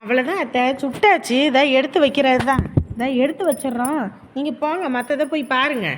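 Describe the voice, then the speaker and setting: Actress as a consoling village aunt, higher voice. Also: female voice, fairly quick, noisy background, close to an everyday voice. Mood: reassuring. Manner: earnest, consoling, talkative. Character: warm-hearted married aunt of the family. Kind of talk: village family drama.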